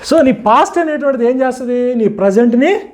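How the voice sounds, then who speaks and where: A man with a notably high voice leads an interactive teaching session. He keeps checking his listeners with rhetorical questions. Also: fairly quick, a little mellow. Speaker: teacher addressing a group.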